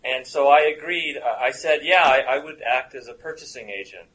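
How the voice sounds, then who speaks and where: A man voicing a hazy, broke English stoner who rambles slowly and hesitantly, with an English accent. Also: medium pitch, fairly bright tone, close to an everyday voice, poor audio. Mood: rambling. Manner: slow, rambling, hesitant drawl.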